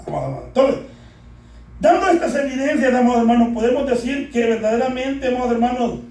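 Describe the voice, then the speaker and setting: Male preacher, very high voice, call-and-response sermon, recorded in a very reverberant church. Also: lively intonation, fast talker, mellow. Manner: keeps calling out "amados hermanos" and asking the congregation to answer. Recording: echoey church hall, distant from mic.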